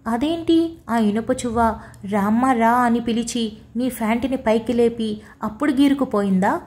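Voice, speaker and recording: A woman's voice: a little high, normal speed, darkish tone, natural voice. A woman voicing a young wife, tearful and fiery, speaking in sobbing, accusing reproach in an audiobook story. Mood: sarcastic. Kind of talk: audiobook character voice.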